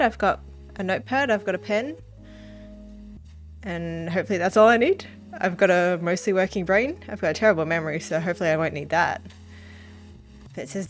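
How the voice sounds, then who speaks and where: A woman hosting a casual let's-play, chatting in a self-deprecating way and reading game text aloud. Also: fairly low pitch. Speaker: gaming channel host.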